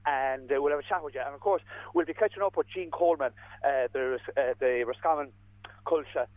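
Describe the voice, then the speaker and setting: Casting: Irish male radio roving reporter, high-pitched, rambling and jokey, heard down a thin phone line. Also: brisk. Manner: jokey, rambling, repeats words. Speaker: radio outside-broadcast reporter. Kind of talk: casual live banter and event report. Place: outdoors at a community run.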